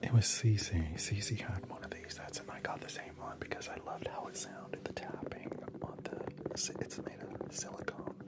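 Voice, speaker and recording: A man's voice: lowish voice, normal speed, hardly any pauses. A man whispering casually through an ASMR livestream, chatting with viewers and answering their comments between snacks.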